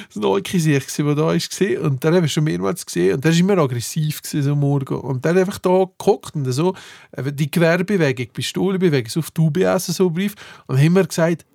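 A man with a Swiss German accent tells stories in a relaxed chat, laughing often and quoting people. His voice is a little high with a gravelly edge, and the recording is dry and close. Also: dry recording. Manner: laughing storyteller, animated quoting. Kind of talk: casual chat.

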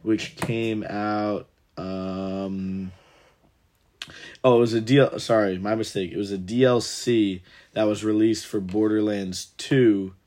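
A man's voice: on the low side, steady tone, takes it slowly, a little mellow. A young man co-hosting a gaming podcast, talking loosely with swearing and frequent laughter. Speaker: podcast co-host. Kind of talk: casual gaming podcast chat.

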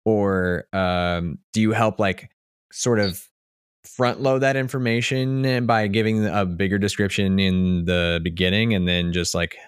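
A man's voice: low-pitched, steady tone, a little slow, smooth, dry recording, clean studio sound. A man hosting a podcast interview, asking long rambling questions full of fillers. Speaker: podcast host. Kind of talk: casual interview talk.

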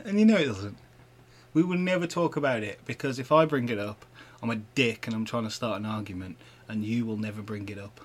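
A man's voice: fairly low pitch, brisk. A man co-hosting a casual podcast, teasing and arguing with his partner and laughing often. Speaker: podcast co-host. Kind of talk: casual couple banter.

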